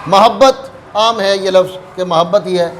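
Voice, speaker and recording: A man teaching word pronunciation in a careful, deliberate way, repeating key words for emphasis. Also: high voice, fairly bright tone, a little hiss or hum. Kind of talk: explanatory lesson.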